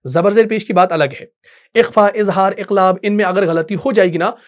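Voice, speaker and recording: A man's voice: high-pitched, normal speed. A man teaching an online Quran recitation class, explaining patiently and often checking that students follow.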